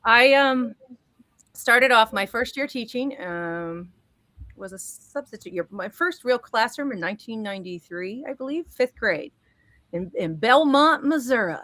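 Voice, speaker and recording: A woman in her fifties from Connecticut, a guest educator telling her first-year story, emotional and quick to laugh. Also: on the high side, animated, bright, forceful tone, no room sound. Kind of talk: panel discussion answer.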